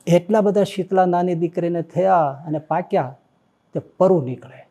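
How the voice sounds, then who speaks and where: A man, a swami, giving a devotional sermon that he tells as a story, with animated and emotional exclamations. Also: high-pitched, normal speed, highs cut off. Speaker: swami preaching.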